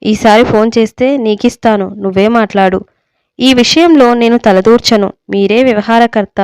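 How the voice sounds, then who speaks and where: A woman's voice: a little high, normal speed, darkish tone, smooth, dry recording, natural voice. Woman reading as an insistent worried mother. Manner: scolding, insistent. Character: worried middle-aged mother, strong-willed. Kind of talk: storybook reading.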